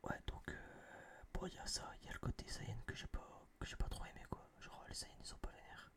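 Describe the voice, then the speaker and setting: Whispering breathily into a binaural mic, a young man reviews a film for his ASMR channel, speaking a little fast. His take is casual, blunt, and rambling, with no voiced tone at all.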